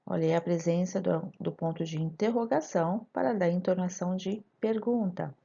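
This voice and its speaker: On the low side and gravelly yet mellow, with a breathy edge, a woman with a Brazilian Portuguese accent narrates a lesson at a moderate pace. In a didactic manner she asks her students questions straight out, and the recording is dull lo-fi voice-over.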